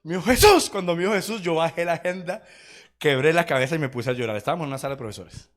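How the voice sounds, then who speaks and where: A man's voice: on the high side, rapid-fire. A man preaching a sermon in a church, telling personal stories with acted quotes and laughter. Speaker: pastor.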